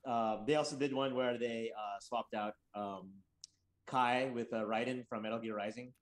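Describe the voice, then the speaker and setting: A man's voice: mid-range voice, steady tone, moderate pace. A man chatting casually on a stream in an ordinary mid-range voice. He is curious and asks questions, with hesitant fillers between his words. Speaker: stream co-host. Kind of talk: casual chat.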